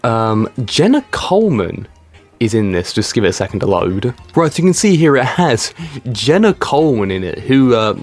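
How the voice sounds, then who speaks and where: Young male commentary vlogger, mocking and sarcastic, animated delivery, light music under him. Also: mid-range voice, moderate pace. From Britain. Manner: sarcastic, mocking, swears freely. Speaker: YouTube commentary creator. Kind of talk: casual commentary reading out comments.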